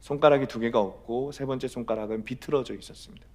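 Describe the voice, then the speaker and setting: A man's voice: mid-range voice, fairly even intonation, quick pace. Male pastor preaching dramatically. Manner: dramatic storytelling, shifts between loud and soft. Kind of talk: sermon. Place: church sanctuary.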